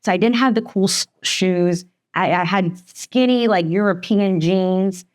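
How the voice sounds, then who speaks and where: A woman in her forties from Sweden, working as a divorce attorney, tells her story as a guest on a candid podcast. She talks quickly and chattily, laughs often, and has a medium-pitched voice with a slight Northeastern American accent.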